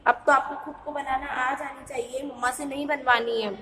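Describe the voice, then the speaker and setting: A high-pitched woman teacher leads young pupils through letter sounds, repeating each one slowly in a patient, sing-song drill and referring to herself as ma'am. Her voice carries a noticeable reverb from the room. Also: fairly even intonation, fairly bright tone, slight background noise. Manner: speaks of herself as ma'am in third person. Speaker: primary school teacher. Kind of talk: Hindi phonics lesson for young children.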